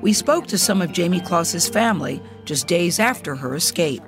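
A woman narrating a news feature in a measured, serious way. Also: lowish voice, animated. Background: music bed.

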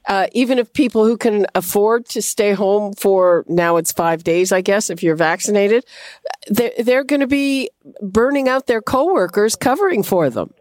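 A woman's voice: medium pitch, animated, normal speed, a little mellow, dry recording. A woman hosting a call-in radio show, talking with frequent fillers and restarts. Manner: hesitant, many fillers and restarts. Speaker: radio host.

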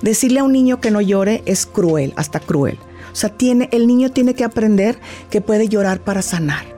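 A woman's voice: mid-range voice, normal speed, soft background music. A middle-aged woman, a grief therapist, explaining patiently and acting out little talks with a child. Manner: warm, didactic, acts out little dialogues with a child. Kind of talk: explanatory interview talk.

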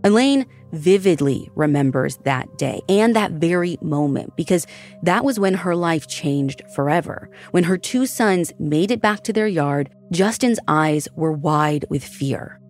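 A woman hosts and narrates a scripted true-crime story in a measured, dramatic delivery. Her voice sits notably low for a woman. Faint music runs under her narration. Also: animated, darkish tone. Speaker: podcast host and narrator.

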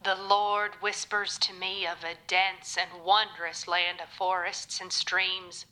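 A woman's voice: lowish voice, flat delivery, takes it slowly, sharp tone, low-quality recording. A woman playing a pious, prophetic wife. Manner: earnest, prophetic phrasing. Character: pious, mystic wife who hears the Lord. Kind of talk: audio drama acting.

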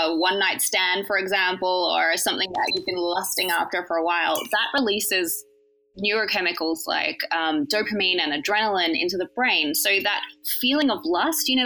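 A woman casually explaining the neuroscience behind feelings, in a relaxed chat with many fillers. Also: on the low side, low-quality recording.

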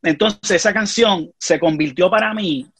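Husky Puerto Rican man, earnest storyteller. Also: high-pitched, measured pace, a bit bright, dry recording. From Puerto Rico. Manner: earnest, keeps checking in with the listener. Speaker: guest. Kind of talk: casual conversation, personal storytelling.

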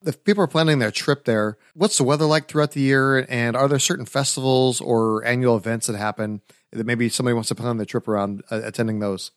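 A man's voice: mid-range voice, a little fast, few pauses, dry recording, clean studio sound. A man hosting a travel podcast, upbeat and enthusiastic as he asks his guest questions. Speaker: podcast host. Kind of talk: podcast interview.

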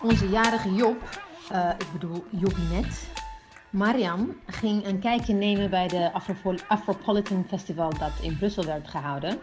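A woman podcast host reading a scripted introduction in a clear, upbeat way, with small slips. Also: mid-range voice, moderate pace. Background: music.

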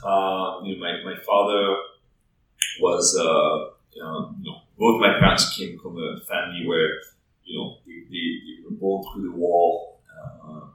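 A French startup founder in his thirties speaks reflectively in a casual interview, his low-pitched voice sounding pushed and bright. He uses many fillers and repeats words. The room is echoey, the mic distant, and faint noise is audible.

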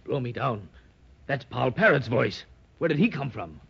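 A man's voice: medium pitch, lively intonation, normal speed, vocal fry, fairly bright tone, breathy edge, heavily acted. A man playing a brave, fatherly sea captain in an old radio adventure, with hearty nautical talk. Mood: gruffly fond. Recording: dull lo-fi old radio recording.

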